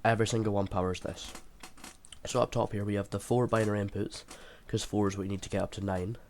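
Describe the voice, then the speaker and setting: A man with a low, creaky voice who sounds under the weather talks through a game tutorial informally, working it out hesitantly as he goes. Background noise and keyboard clicks sit behind him. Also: flat delivery, fast talker, a little mellow. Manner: hesitant, thinking aloud as he explains. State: sick, sounding unwell. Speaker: video creator explaining a game build. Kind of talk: informal tutorial commentary over gameplay.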